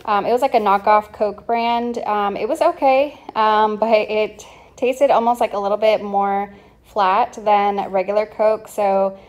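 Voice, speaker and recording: A woman's voice: mid-range voice, a little slow. Chatty woman in a home kitchen. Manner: chatty, relaxed, many ums and likes. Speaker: vlogger. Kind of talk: casual grocery haul chat.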